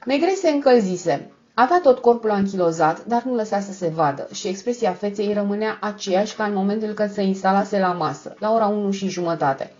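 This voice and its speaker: A woman's voice: medium pitch, lively intonation, a little mellow. Woman narrating an audiobook, muffled sound. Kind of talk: scripted narration.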